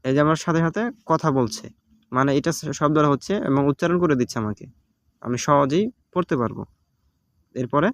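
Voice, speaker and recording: A man's voice: a little high, normal speed, dry recording. A man with a Bangladeshi Bengali accent giving a casual step-by-step app tutorial, patient and repetitive, with many fillers. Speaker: tutorial host. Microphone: phone recording.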